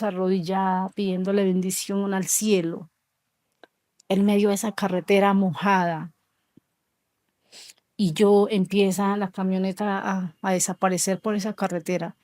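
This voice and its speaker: Woman, 30s, from Colombia, interview guest; dark, even delivery, slow and halting, dry close sound. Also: mid-range voice, no echo. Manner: slow, halting storytelling with soft trailing lines. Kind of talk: emotional personal testimony.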